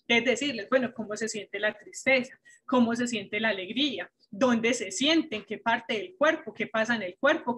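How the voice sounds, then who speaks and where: A woman gives a teaching talk to parents over a video call. Her voice sits a little high, and she moves through her points with rhetorical questions. She sounds like a patient, methodical workshop speaker. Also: fairly bright tone, slightly rough. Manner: didactic, asks rhetorical questions.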